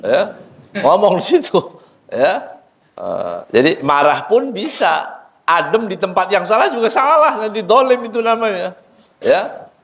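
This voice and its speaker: A man's voice: a little slow, gravelly. A man, an ustadz, giving a sermon at a book study in a prayer room. He recites Arabic lines and then explains them, and he jokes with the listeners as he goes. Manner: joking, lively swings in pitch, quotes Arabic then explains.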